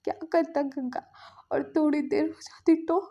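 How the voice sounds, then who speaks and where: Brief: woman doing a tearful, pleading young man; high gravelly voice, muffled lo-fi audio. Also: normal speed, dark tone. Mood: distraught. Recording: dull lo-fi recording.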